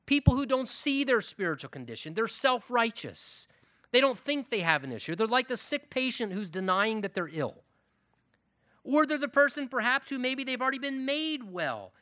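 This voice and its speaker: Lively, bright-voiced male preacher. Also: very high voice, normal speed, dry recording, studio quality. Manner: emphatic, animated preaching with listed phrases. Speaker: pastor. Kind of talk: sermon.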